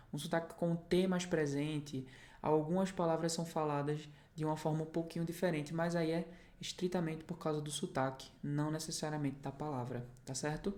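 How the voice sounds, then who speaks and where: A woman with a notably low voice and a Brazilian Portuguese accent, walking through an English lesson. She explains points patiently, step by step, and keeps checking that the learner is following along. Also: dark tone. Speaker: English teacher. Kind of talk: online language lesson.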